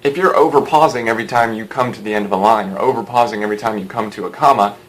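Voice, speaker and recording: A man giving a recorded lecture as a teacher, explaining with dry, sarcastic asides and lively emphasis. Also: lowish voice, racing, slight background noise, poor audio. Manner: lively, shifting pace and emphasis.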